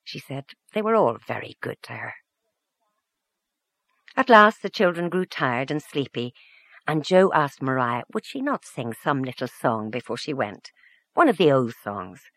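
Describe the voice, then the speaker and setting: An audiobook reader giving a measured, gentle narration of a literary short story. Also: mid-range voice, very animated, dry recording.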